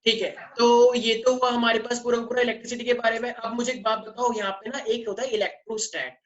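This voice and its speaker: A male physics teacher lectures in an online class, blending Hindi and English and constantly quizzing his students. His very high-pitched voice is flat and a little fast, coming through an online class microphone as muffled audio with faint noise.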